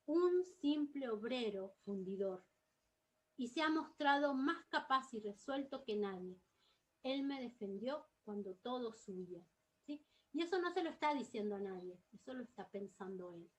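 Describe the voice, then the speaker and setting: A woman's voice: a little high, rough recording. A woman teaching a recorded class lesson, explaining patiently and often checking in with the listener. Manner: patient, explanatory, keeps asking "¿sí?".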